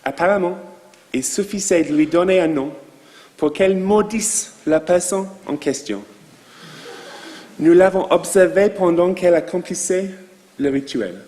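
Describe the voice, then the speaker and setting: A man with a non-native accent in French, a rabbi giving a sermon to his congregation in a slow, measured way with asides to the listeners. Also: sits high, animated, darkish tone, in a large hall. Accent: foreign accent in French. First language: not French. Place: synagogue.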